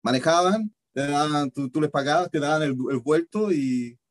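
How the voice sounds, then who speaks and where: A man from Chile with a Chilean Spanish accent, a radio guest telling a story in an animated way. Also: on the high side, normal speed, no room sound. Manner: animated storyteller, acts out voices. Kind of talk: casual anecdote telling.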